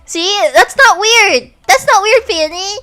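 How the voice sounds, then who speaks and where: A woman's voice: very high voice, expressive, measured pace, pushed and bright, soft background music. A young American woman streamer chatting casually and animatedly, giggling as she tells stories. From United States. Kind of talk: casual chat.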